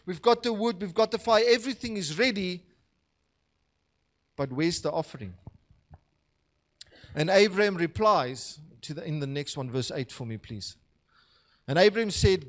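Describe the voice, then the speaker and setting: A man with a notably high voice delivers a sermon. He talks to the congregation in a relaxed storytelling way, pausing to ask for the next verse on screen. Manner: conversational storytelling, laughing at his own anecdotes; asks the slide operator for the next verse. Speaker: pastor.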